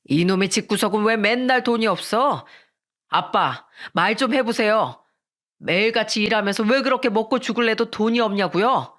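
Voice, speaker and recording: A woman voicing a belligerent drunk older brother who shouts and picks fights. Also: medium pitch, animated, moderate pace, close to an everyday voice. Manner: loud, shouting.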